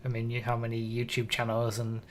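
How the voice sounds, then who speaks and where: A man co-hosting a podcast, chatting casually and musing in long, repetitive runs that trail off quietly. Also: mid-range voice, monotone, fairly quick, a little hiss or hum. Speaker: podcast co-host. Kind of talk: casual chat.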